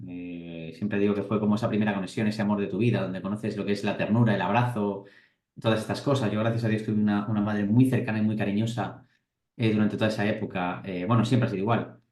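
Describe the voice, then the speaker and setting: A man's voice: lowish voice, fairly even intonation, fast, a little mellow, echoey room. A man in his forties from Madrid, with a Spanish accent from Madrid, telling his life story as an interview guest, reflective, with frequent hesitations and restarts. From Spain. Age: 40s. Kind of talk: personal storytelling.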